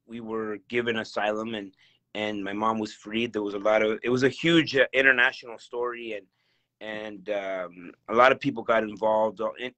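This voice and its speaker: A man from El Salvador speaking over a video call. His voice is bright and forceful, cheerful, and he laughs often. He talks with plenty of fillers and restarts. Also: lowish voice. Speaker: guest real estate investor. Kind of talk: casual video call interview.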